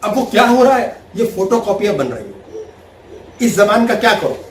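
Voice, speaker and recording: A man giving a spiritual talk with questions from listeners, lively and laughing as he acts out everyday scenes. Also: high voice, moderate pace, roomy sound, recorded from a distance, a little hiss or hum. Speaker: spiritual teacher.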